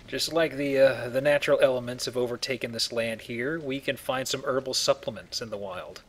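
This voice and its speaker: This let's play host is a man with a mid-range voice who talks fairly quickly, dropping casual, wry remarks as he plays a video game. The recording carries faint background noise and game ambience.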